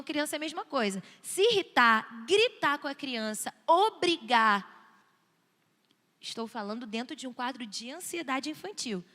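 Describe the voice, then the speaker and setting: Bright-voiced Brazilian woman talking in a church hall. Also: high voice. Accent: Brazilian Portuguese. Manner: earnest, conversational, often asks "né?". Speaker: church speaker on child anxiety. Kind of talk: talk in a church.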